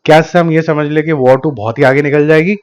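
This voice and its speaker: A man with a sore, slightly hoarse throat gives casual commentary, reading out figures slowly and carefully and slipping English terms into his talk. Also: on the high side, fairly even intonation, a little mellow. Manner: deliberately slow, careful delivery of figures. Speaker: box office analyst YouTuber. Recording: slightly dull lo-fi recording.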